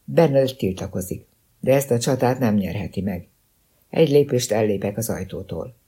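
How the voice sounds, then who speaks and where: A male audiobook narrator reads a first-person thriller with a measured, understated delivery. His voice is dark and mellow, with a husky grain to it. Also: lowish voice, lively intonation.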